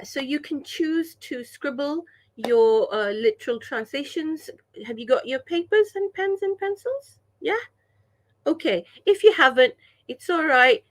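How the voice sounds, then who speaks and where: A woman from Pakistan leads an online language workshop over a video call, enthusiastic and chatty, often checking in with the group with a "yeah?". Her voice is fairly high and fairly bright.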